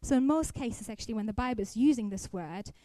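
A young adult woman, a student speaking at a church service, delivers a careful, explanatory sermon to the congregation, now and then restarting her words. Her voice is a little high, expressive and warm, with a quick pace, in a dry recording.

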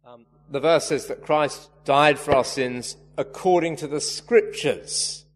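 Preacher in a reverberant hall. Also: male voice, fairly high pitch, a little slow. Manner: earnest, emphatic, stresses key words. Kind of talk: sermon. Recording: reverberant hall, faint hum.

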